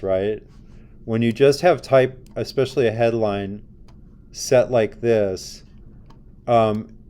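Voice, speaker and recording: A man's voice: lowish voice, dark tone, smooth. A man teaching a design class, talking casually and asking his students questions as he works. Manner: conversational, asks the class questions. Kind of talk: classroom lecture with screen demo.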